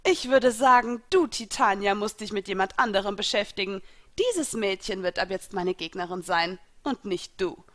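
A woman reading a cold, mocking young female mage of a dark guild in a fan audiobook. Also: a little high, expressive, unhurried. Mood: haughty. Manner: taunting, with an icy laugh.

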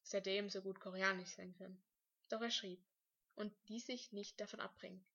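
A woman narrating a story aloud in a calm, measured way. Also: medium pitch, husky, muffled recording.

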